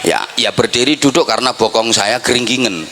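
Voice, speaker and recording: A man's voice: medium pitch, fairly quick, noisy background. A man with a Javanese accent preaching a humorous sermon and playfully acting out greetings in mock voices. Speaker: Islamic preacher.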